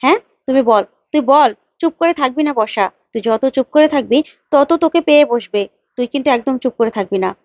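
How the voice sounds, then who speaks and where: A woman's voice: high-pitched, brisk, dry recording. Woman voicing a scheming, bossy mother. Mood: urging. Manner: urgent, coaxing, bossy. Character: scheming middle-aged mother egging on her daughter. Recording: dull lo-fi, dry.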